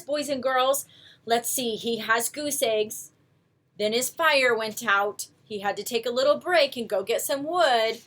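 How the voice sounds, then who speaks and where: Her voice sits high as this woman reads a picture book to young children. She brings plenty of expression to the story and gently coaxes her listeners with asides.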